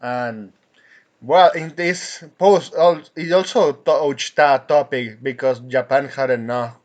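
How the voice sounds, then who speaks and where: A man hosting an angry commentary rant, indignant and swearing, with frequent halting restarts. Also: mid-range voice, a little mellow. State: coughing from anger at times. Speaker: commentary channel host.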